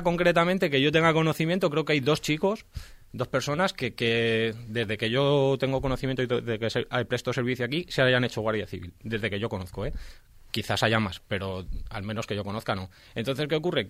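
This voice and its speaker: A male police officer, a guest in a radio studio, explains things in a measured way with frequent fillers. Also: mid-range voice, a bit bright, no room sound. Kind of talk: radio interview answers.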